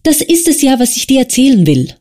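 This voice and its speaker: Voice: high voice, sing-song, fairly quick, mellow, voice pushed up. A reader voicing a frail young man who pleads in a strained, rising voice in an audiobook. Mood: pleading. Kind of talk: audiobook character voice.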